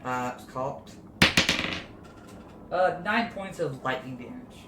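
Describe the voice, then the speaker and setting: A man's voice: medium pitch, expressive, slow. A man as game master, casually narrating what happens to the players in a tabletop game. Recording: echoey room with faint noise.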